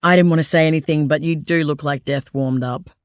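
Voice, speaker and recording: A teasing, easygoing young man in an audiobook story, his voice set a little low and dry with no room around it, as a woman narrator plays him. He jokes lightly with a close friend. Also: steady tone, a little fast, clean tone, dry recording, close to an everyday voice. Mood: concerned. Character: friendly joking young man, running buddy.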